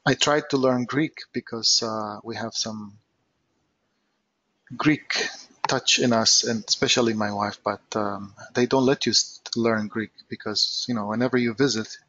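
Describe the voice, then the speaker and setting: Husky middle-aged man. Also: medium pitch, fairly even intonation, a little slow, bright, forceful tone, no echo. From northern Iraq. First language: Aramaic. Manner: chatty, hesitant, many fillers. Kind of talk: casual chat. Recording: dull lo-fi dry recording.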